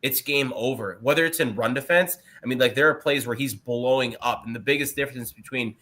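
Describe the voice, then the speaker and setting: A man analysing a football prospect on a draft podcast, talking in animated bursts with frequent restarts. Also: medium pitch, fairly quick. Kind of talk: podcast scouting talk.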